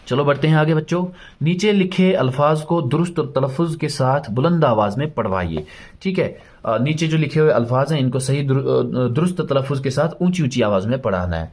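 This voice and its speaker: A man's voice: mid-range voice, expressive, a little mellow. A man teaching a first-grade lesson, spelling words letter by letter and patiently encouraging young pupils. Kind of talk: children's alphabet lesson.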